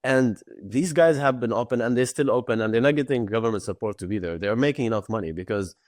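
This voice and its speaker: A man speaking as a guest on a remote podcast interview, relaxed and rambling, with lots of "like" and "right". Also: mid-range voice, quick pace, dry recording, studio quality. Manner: relaxed, rambling, uses many fillers. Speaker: podcast guest, tech company founder. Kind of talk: casual interview answers.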